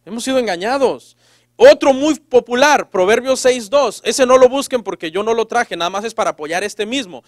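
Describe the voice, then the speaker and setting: A man's voice: extremely high pitch, normal speed, no room sound, studio quality. A man preaching a sermon as pastor in a sarcastic, joking manner, acting out the people he quotes in changing voices.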